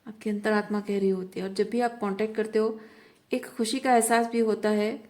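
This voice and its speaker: A woman's voice: medium pitch, little pitch movement, fairly quick, a little mellow. A woman reading tarot cards for the viewer, earnest and repetitive, mixing English words into her Hindi. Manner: earnest, repeats phrases for emphasis, mixes English words into Hindi. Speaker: tarot reader.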